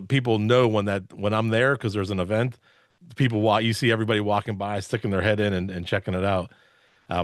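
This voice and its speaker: A man's voice: lowish voice, no echo, studio quality. A man speaking as a podcast guest, explaining things casually and enthusiastically with punchy emphasis. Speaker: podcast guest, podcast theater owner. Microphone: video call, close dry mic.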